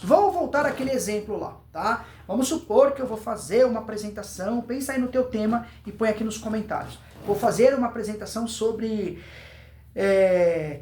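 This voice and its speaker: In an informal instructional video, a Brazilian man teaches public speaking with emphasis, often repeating words and answering questions he poses himself. He has a high voice, with slight background noise in a roomy, echoing recording.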